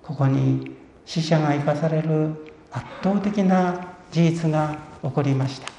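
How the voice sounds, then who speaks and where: A man's voice: on the high side, steady tone, unhurried, vocal fry, warm tone, slight background noise. Earnest male preacher in an echoey room. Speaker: pastor. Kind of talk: sermon. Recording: echoey room, dull lo-fi sound.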